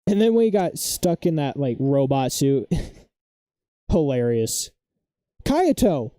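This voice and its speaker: A young man rambling through a casual live stream. His voice is deep, dark and mellow. It is recorded close and dry, with no room echo, and he argues his opinions with excitable conviction. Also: takes it slowly.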